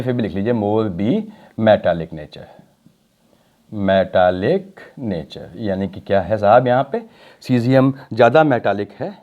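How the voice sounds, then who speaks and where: A male chemistry teacher explains step by step, asking his students questions as he goes. His pitch moves a lot and his tone is warm and mellow. The audio is dull and lo-fi. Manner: talks the class through steps with rhetorical questions; mixes Hindi with English technical phrases, drawing out key words. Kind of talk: explaining at a board in a recorded lecture.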